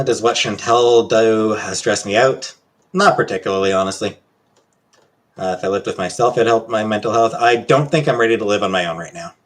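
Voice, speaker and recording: A medium-pitched man with a Canadian accent hosts a livestream, chatting casually while answering questions. He sounds halting and hesitant, frequently letting his sentences trail off.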